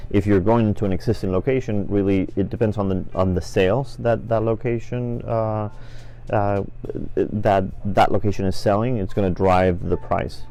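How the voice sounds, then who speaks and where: Low-voiced Venezuelan-born businessman, halting. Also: mellow. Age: middle-aged. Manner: measured, with frequent fillers and restarts. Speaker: franchise business owner. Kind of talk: interview answers.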